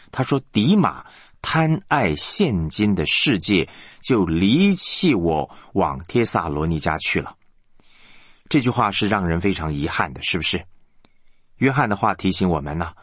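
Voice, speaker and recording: A man's voice: fairly low pitch, a bit bright, husky, no room sound. A male pastor preaching a sermon, asking the congregation rhetorical questions.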